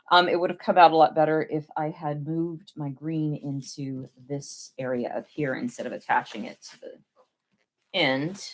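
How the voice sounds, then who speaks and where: A woman's voice: sits low, fairly even intonation, unhurried, long pauses. A woman with a Tennessee accent chatting casually and playfully as she streams balloon twisting, often poking fun at herself. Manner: self-deprecating, playful. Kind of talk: casual live craft chat.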